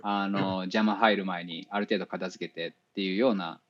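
A man, an engineer guest in a casual interview, explaining things step by step with many fillers and pauses. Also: sits low, steady tone. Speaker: spacecraft navigation engineer. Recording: dull lo-fi audio.

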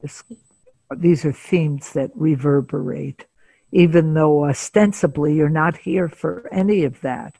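Slow, gravelly older woman therapist. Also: low-pitched, mellow, no room sound. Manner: measured, pauses often with filler sounds. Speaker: psychotherapist guest. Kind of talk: storytelling in an interview.

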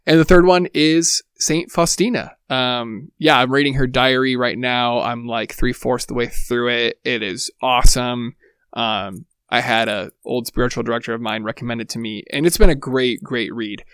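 A man's voice: mid-range voice, fairly even intonation, moderate pace, a bit bright, clear, resonant tone, no room sound, clean studio sound. A man co-hosting a podcast, talking with enthusiasm and rambling as he searches for words. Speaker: podcast co-host. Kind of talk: casual podcast chat.

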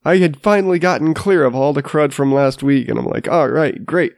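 On his casual solo podcast, a sinus-congested man in his thirties talks in a rambling, self-mocking way, frequently starting over. He sounds on the high side and brisk, with vocal fry and a slightly mellow quality, recorded at studio quality with no room sound.

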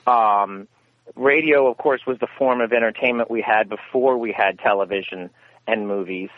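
This fairly low-pitched man speaks at a normal speed with no room sound, through a dry, tinny phone line. A guest and radio theater founder, he answers the interview by drifting through stories and correcting himself mid-thought.

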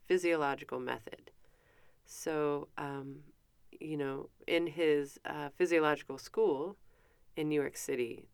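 Here a presenter explains an educator's life in a relaxed history talk full of fillers, asides, and self-corrections. She has a low, clear, resonant voice, there's no room sound, and she isn't a native French speaker.

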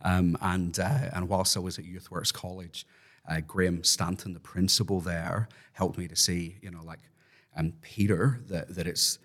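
A man with a distinctly low voice and an Irish accent talks as a guest in a conversational interview. He thinks aloud in a reflective way, repeating words as he works towards his point. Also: fairly even intonation, moderate pace, fairly bright tone. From Ireland. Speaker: podcast guest, ministry worker.

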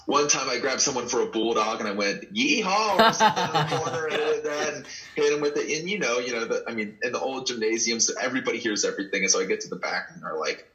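A man from Texas, a pro wrestler being interviewed, telling stories in an animated way with frequent laughs and restarts. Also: medium pitch, quick pace, lo-fi sound. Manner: animated storyteller, laughs often, many restarts. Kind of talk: casual interview chat.

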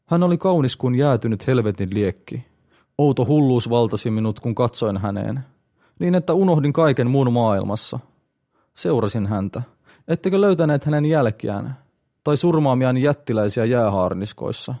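A man's voice: lively intonation, mellow, close to an everyday voice. A man doing a dazed wounded barbarian. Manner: dazed, low and breathy.

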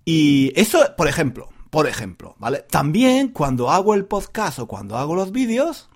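A man from Granada teaching Spanish to learners, talking slowly and clearly, pronouncing every syllable and repeating himself often. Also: fairly high pitch, wildly swooping pitch. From Granada, Spain. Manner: deliberate, carefully enunciated, repetitive. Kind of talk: slow teaching monologue for learners.

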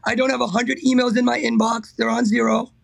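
A middle-aged man with a hoarse, raspy, strained voice, talking casually and emphatically as an interview guest. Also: very high-pitched, level tone, a little fast, no room sound. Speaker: interview guest, car builder.

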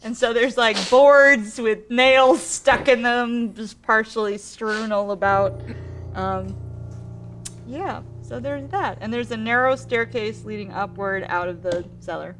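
Slow-paced woman running a tabletop game. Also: on the high side, fairly bright tone, soft background music. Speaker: game master. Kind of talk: improvised tabletop game narration.

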